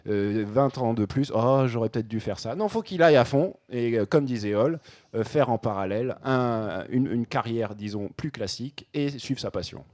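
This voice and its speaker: A man's voice: medium pitch, lively intonation, moderate pace, a little mellow. A man on a radio panel giving a blunt opinion, padded with fillers. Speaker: panel columnist.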